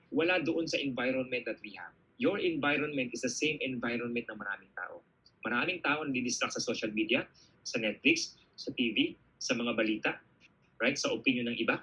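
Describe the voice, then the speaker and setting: A Filipino man speaks with real force and brightness as he works through a motivational Q&A answer. His tone has a slightly husky edge, and he keeps breaking his story up with quick check-ins to the audience. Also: mid-range voice, rough recording. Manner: energetic, animated storytelling, frequent "okay?" check-ins. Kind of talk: motivational Q&A talk.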